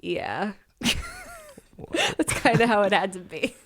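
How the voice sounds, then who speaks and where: A woman's voice: medium pitch, lively intonation, slow pace, fairly bright tone. A woman musician telling a story in a casual interview, laughing often and rambling with fillers. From United States. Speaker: musician guest.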